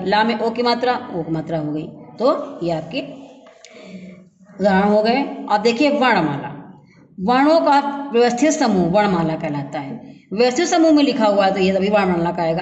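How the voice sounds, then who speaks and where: A woman's voice: medium pitch, a little mellow. A woman teacher walks through a grammar lesson, posing questions and answering them herself as she sounds out syllables one by one. Her voice carries a long, roomy echo, and the recording is dull and muffled. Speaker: school teacher. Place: classroom or room at a school. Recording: dull echoey room recording.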